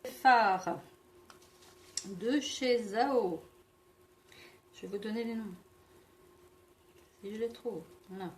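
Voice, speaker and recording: A woman's voice: medium pitch, takes it slowly, pauses often, darkish tone, a little hiss or hum. A French-speaking woman reviewing organic makeup in a casual vlog, often stumbling over product names and correcting herself. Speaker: beauty vlogger.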